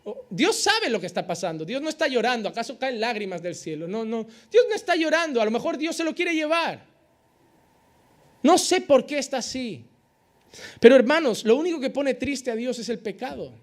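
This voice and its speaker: A man preaching a sermon as pastor, swinging between loud emphatic rises and quiet drops, with rhetorical questions and acted-out exchanges. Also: extremely high pitch, animated, normal speed.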